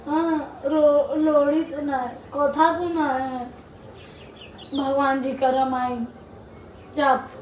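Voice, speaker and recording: A woman's voice: high-pitched, fairly even intonation, extremely slow, long pauses, darkish tone, echoey room, slight background noise. A woman, a mother filming a family vlog and arguing with her husband in a heated, sarcastic way. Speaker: vlogger, mother.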